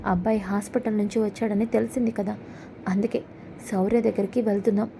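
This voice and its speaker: A calm fatherly family head, read by a woman narrator. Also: mid-range voice, quick pace, creaky, a little hiss or hum, close to an everyday voice. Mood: decisive. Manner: earnest, reassuring. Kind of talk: serial recap narration.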